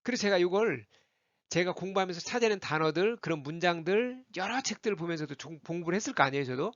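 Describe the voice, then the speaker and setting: A man's voice: high-pitched, quick pace, no room sound, dull audio. A man teaching English pronunciation in a spoken lesson, repeating example words over and over and coaching listeners to try them. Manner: animated, repeats example words many times for the listener to copy.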